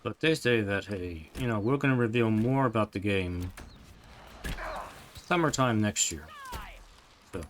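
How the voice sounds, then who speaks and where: Low-voiced man chatting over gameplay. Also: a little slow, long pauses, slight background noise. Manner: rambling, chatty, trails off mid-thought. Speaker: gameplay streamer. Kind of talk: casual gameplay commentary.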